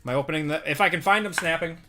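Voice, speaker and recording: A Midwestern-accented man in his thirties from Wisconsin hosts a live sports card break stream, his voice on the high side and rapid-fire over soft background music. He's relaxed and chatty, reading out cards and answering viewers in the chat as he opens packs.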